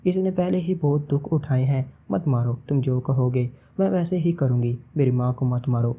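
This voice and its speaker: A man's voice: medium pitch, mellow, natural voice. A man reading the lines of a desperate princess who pleads tearfully for her mother's life. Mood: pleading. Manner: tearful, begging.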